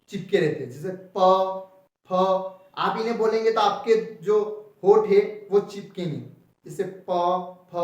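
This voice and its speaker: A young male teacher explains a lesson step by step and keeps asking what something is called before he answers himself. His voice sits high. He sounds distant in a strongly echoing room. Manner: repeats key terms as rhetorical questions. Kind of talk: explanatory Hindi grammar lesson. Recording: echoey room, voice from far off the mic.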